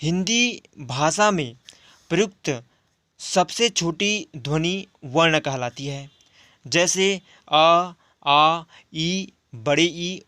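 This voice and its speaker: A man teaching a spoken grammar lesson. He explains step by step, repeats each definition and draws out the example sounds slowly. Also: fairly high pitch, a bit bright, no room sound.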